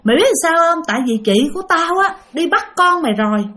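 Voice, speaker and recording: A woman's voice: very high voice, animated, fast, sharp tone, voice pushed up, exaggerated voice. A woman with a Southern Vietnamese accent voicing a vengeful female ghost turned into a fanged demon, taunting and menacing.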